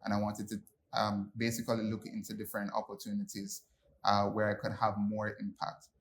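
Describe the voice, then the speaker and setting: Young guy from jamaica on a panel, lowish voice, lots of ums, bit of noise behind. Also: brisk. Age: young adult. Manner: relaxed, many ums and restarts. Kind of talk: panel discussion.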